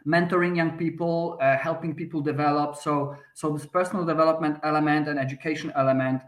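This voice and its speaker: A Polish man in his thirties, guesting on a podcast, gives a long conversational answer full of restarts and fillers, sounding hesitant. His voice is a little high with fairly even intonation and a quick pace, and the recording sounds roomy and echoey.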